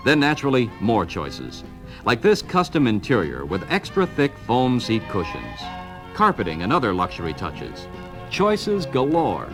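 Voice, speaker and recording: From a vintage 1970 record comes an American man narrating a car dealer training film, reading the scripted promotional lines with a punchy, emphatic salesman's delivery. His medium-pitched voice swings hugely in pitch, and he speaks a little slowly. Music plays behind him.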